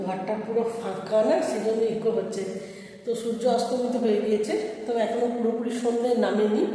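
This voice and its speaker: Woman in a booming, echoey half-empty room. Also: mellow, far from the mic. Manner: chatty, talks straight to viewers. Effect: strong echo of a half-empty room. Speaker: home vlogger. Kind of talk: casual home vlog chat. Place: bedroom of a new, half-empty house, indoors. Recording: booming room echo, voice from off mic.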